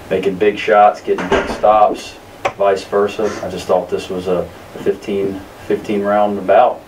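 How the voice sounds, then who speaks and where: Deep voiced coach guy in his 30s at a press conference, talks slow and careful with lots of ums, kinda far from the mic, bit of hiss. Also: darkish tone. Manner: measured, many fillers and restarts. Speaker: basketball coach. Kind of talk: post-game press conference answers. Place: press room in front of a sponsor backdrop.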